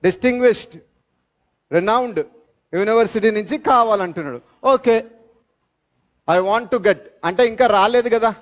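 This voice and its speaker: A man with a Telugu accent teaching an English grammar class, explaining slowly, repeating terms and quizzing his students. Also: high voice. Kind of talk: live class lecture. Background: fans running in classroom.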